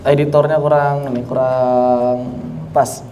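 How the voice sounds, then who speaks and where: A man teaching an online tajwid lesson, explaining slowly and deliberately with repetition. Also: mid-range voice, little pitch movement, noisy background. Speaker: Quran recitation teacher.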